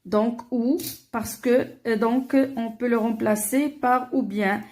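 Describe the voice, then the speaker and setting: Woman teacher, slightly high voice, slow patient worksheet walkthrough for young pupils, repeats every answer. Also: fairly even intonation, darkish tone. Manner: slow and deliberate, repeats answers, many "alors" and "euh".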